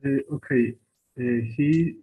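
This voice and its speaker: Male student, slow, hesitant, lo-fi call sound. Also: medium pitch, a little hiss or hum. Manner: hesitant, many fillers.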